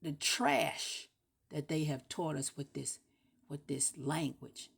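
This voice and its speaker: A woman talking in a casual, rambling monologue, repeating words over and over for emphasis and jumping between shouting and near-whispers. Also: low voice, steady tone, slow, creaky, breathy edge. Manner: breaks into playful shouts and drops to a whisper.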